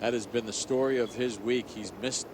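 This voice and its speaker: A man's voice: mid-range voice, fairly even intonation, normal speed. A man delivers live golf commentary in a mid-range voice. He calls the play shot by shot, with plainly audible outdoor ambience behind him. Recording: clear outdoor ambient noise.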